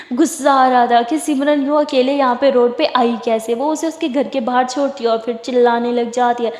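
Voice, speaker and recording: A woman's voice: high voice, steady tone, normal speed, a little mellow, reverberant, in a large hall. A woman telling a love story in a chatty, informal way. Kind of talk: story narration.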